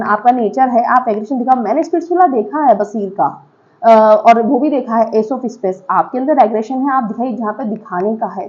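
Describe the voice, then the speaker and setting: A woman with a high, slightly mellow voice offers casual, emphatic opinions to viewers on a reality show. She slips in English words and checks in with her listeners. The highs are cut off.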